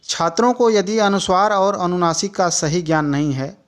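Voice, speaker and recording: A man giving a teacher-training lecture, reading points one by one in a measured way with pauses. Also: high-pitched. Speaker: teacher educator. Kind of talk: slow lecture reading from notes.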